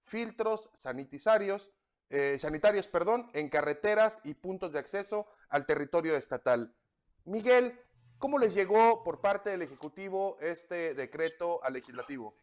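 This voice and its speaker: A man hosting a political talk show, speaking in a measured, formal way. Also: high voice, lively intonation. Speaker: host.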